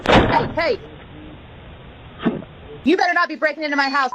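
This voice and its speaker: A woman heard through a doorbell speaker, alarmed and yelling warnings at an intruder. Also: high voice, moderate pace, slight background noise. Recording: muffled doorbell camera audio from a distance.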